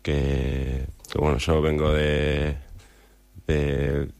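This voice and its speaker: Young guy, super deep voice, hesitant footballer answers, keeps repeating words. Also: completely flat delivery, very slow, vocal fry, a little mellow, clean tone. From Argentina. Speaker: footballer at a press conference. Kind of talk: halting press-conference answers.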